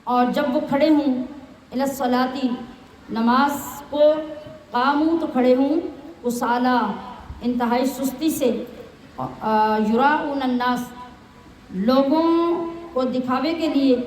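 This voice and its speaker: A woman's voice: sits high, a little mellow, slight background noise. A woman teaching the Quran, reciting Arabic phrases and explaining each one in plain words, often asking her listeners questions. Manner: asks the listeners rhetorical questions. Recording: echoey room.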